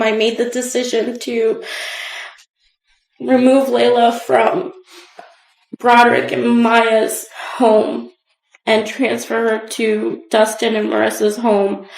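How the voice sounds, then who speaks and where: A shaky, nervous woman giving halting, emotional courtroom testimony as a witness, close to tears. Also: a little high, flat delivery, gravelly. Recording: echoey courtroom sound.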